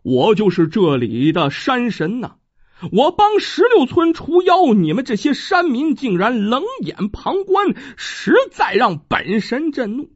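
A storyteller puts on a stern green-faced mountain god who speaks in slow, grand, weighty lines. The voice is slightly husky and the recording dull and dry. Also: male voice, very high voice, sing-song, exaggerated voice. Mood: wrathful. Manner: slow, pompous, wrathful.

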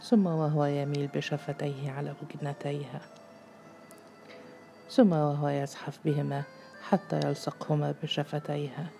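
Woman reading a story, low dark voice, gravelly, measured and intimate, faint music under it. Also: flat delivery. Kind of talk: literary story narration.

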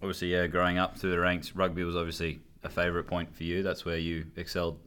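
Very deep-voiced Australian man, bright tone. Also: monotone, fast, clean tone. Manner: chatty storyteller, asks interview questions. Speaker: podcast host. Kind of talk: casual chat.

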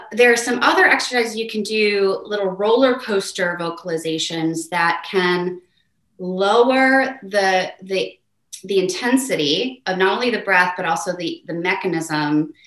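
A voice teacher with a mezzo voice is the interview guest, speaking a little slowly against a reverberant backdrop. She explains technique animatedly, demonstrating by shifting her pitch.

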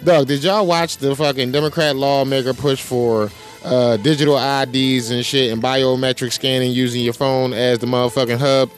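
A man's voice: mid-range voice, flat delivery, normal speed, faint music behind. An American man hosting a talk show, speaking in casual, emphatic, slangy and profane monologue.

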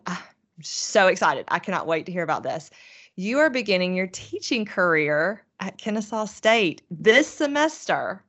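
A woman's voice: mid-range voice, a bit bright. A woman hosting an interview, affirming her guest with frequent encouraging murmurs. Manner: affirming, many encouraging backchannels. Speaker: host. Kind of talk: conversational interview.

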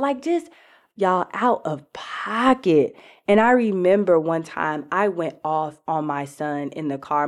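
A woman hosting a podcast, talking candidly and casually about her own life, with lots of "like" and "y'all". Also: low-pitched. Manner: casual and frank, many fillers like "like" and "y'all". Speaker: podcast host. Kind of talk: candid confessional podcast talk.

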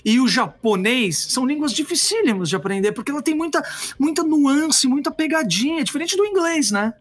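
A man's voice: extremely high pitch, expressive, brisk, a bit bright. A man with a Brazilian accent hosting a casual chat, enthusiastic and using everyday slang. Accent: Brazilian Portuguese. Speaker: podcast host.

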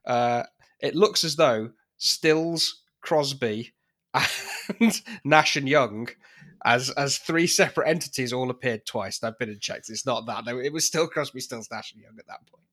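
A man's voice: mid-range voice, measured pace, a bit bright. A man co-hosting a casual podcast chat, loose and chatty, laughing often. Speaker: podcast co-host.

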